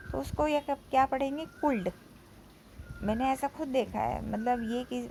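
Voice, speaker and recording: Indian woman, English teacher, repeats drill sentences slowly, gravelly fry in the voice. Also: fairly high pitch, a little hiss or hum, poor audio. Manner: says each sentence in Hindi, then repeats it slowly in English. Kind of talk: spoken vocabulary lesson.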